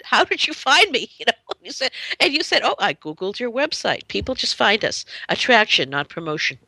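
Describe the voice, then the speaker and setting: A warm, effusive seminary leader speaking in an interview, with a bright, forceful tone. The sound is dry and close to the mic. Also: mid-range voice, no echo. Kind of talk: casual interview.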